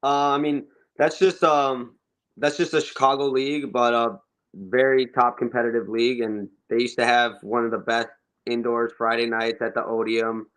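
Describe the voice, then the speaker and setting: A man's voice: medium pitch, little pitch movement, normal speed, fairly bright tone, rough recording. A young man, a professional soccer forward, casually recounting his career in a laid-back way during an interview.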